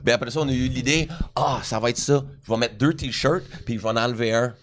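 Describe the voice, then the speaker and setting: A man with a Quebec French accent telling a story in casual chat, animated and full of swearing. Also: medium pitch, a little fast. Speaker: magician's assistant.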